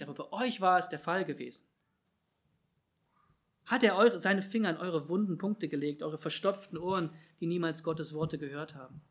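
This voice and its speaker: A man preaching a sermon, swinging between loud emphatic calls and quiet, low asides.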